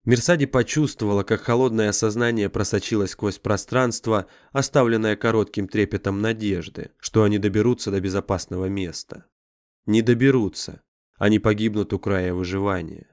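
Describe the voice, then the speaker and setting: Low-voiced man narrating a dark sci-fi audiobook. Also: steady tone, moderate pace, no echo, clean studio sound. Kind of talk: scripted dramatic narration.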